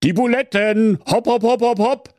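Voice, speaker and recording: A man's voice: mid-range voice, big pitch swings, a little slow, dry recording, studio quality, voice pushed up. A man doing a brash Berlin wolf. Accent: Berlin dialect. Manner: slangy, brash. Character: cocky, bossy teenage male wolf.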